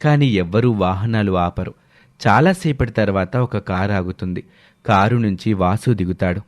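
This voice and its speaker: Casual one: guy reading a story aloud, lowish voice, steady, dry sound. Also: normal speed, dry recording. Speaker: narrator. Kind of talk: scripted story narration.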